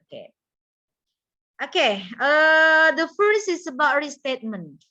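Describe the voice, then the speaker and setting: A woman's voice: sits high, sing-song, slow pace, sharp tone. A woman English teacher with an Indonesian accent, giving an online class lecture and repeating each point in two languages. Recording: dull lo-fi audio.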